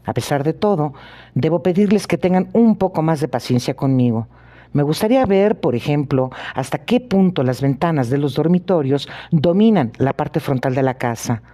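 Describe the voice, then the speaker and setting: A polite, sharp-minded detective asks his questions in an even, measured way, read by a man. The voice sits a little high yet sounds mellow and warm, and every detail is weighed in this audiobook reading. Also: natural voice. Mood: calm probing. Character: sharp, precise male detective, calmly probing.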